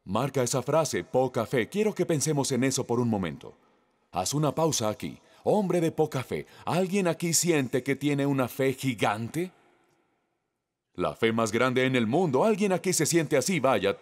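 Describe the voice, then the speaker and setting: A man's voice: mid-range voice, darkish tone, in a large hall. A man preaching a sermon, reading scripture aloud and putting questions to the congregation.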